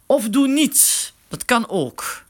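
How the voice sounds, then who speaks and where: A man giving a casual spoken tutorial, explaining slowly and with filler words while working a phone. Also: very high voice, sing-song. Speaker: instructor.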